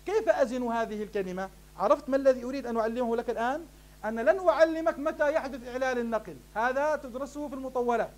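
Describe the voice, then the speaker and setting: A man's voice: very high voice, rapid-fire. A man, teaching morphology in a classroom lecture, asking questions and answering them himself. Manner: addresses the class warmly as "beloved ones". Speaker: sheikh teaching Arabic morphology.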